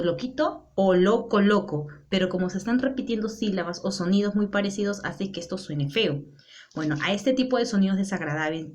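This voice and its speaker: Woman explaining a language lesson. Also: fairly low pitch. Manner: explanatory, with frequent rhetorical "¿no?" checks. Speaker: teacher. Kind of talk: classroom lesson.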